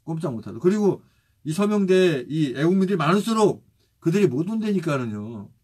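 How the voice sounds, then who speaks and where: A male pastor preaching and leading prayer, steadily reciting lists of names, with a husky voice. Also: high-pitched, lively intonation, normal speed, mellow. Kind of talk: sermon and spoken prayer.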